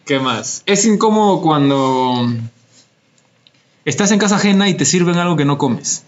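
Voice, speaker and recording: Young Peruvian man, podcast co-host, playful ribbing, animated delivery, muffled lo-fi sound. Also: fairly high pitch, normal speed. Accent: Peruvian Spanish. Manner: teasing, lively, laughs often, slangy. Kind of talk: casual chat. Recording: dull lo-fi recording.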